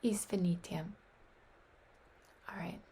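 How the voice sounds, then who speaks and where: A woman with a fairly low, mellow voice and fairly even intonation speaks slowly over slight background noise. She's a language learner practicing foreign phrases aloud, often in a whisper, repeating words. Unsure and self-deprecating, she keeps doubting her own pronunciation.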